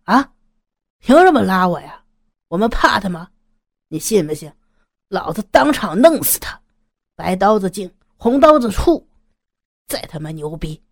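A woman voicing a hot-tempered, scarred young male gang underling who talks in a placating or blustering way, with lively pitch in a dry recording. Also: unhurried, long pauses, dry recording. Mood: furious.

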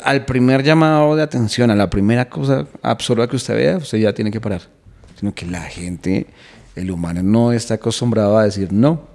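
A man's voice: medium pitch, darkish tone. Earnest man talking it through. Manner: earnest, reflective, explains at length. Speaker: stand-up comedian and guest. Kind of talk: casual podcast conversation.

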